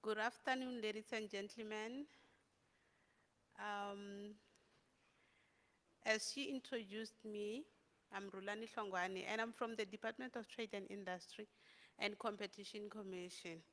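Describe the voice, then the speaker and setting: A woman from a government department giving a short formal presentation in a measured way. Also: mid-range voice, fairly even intonation, fairly bright tone. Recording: reverberant hall.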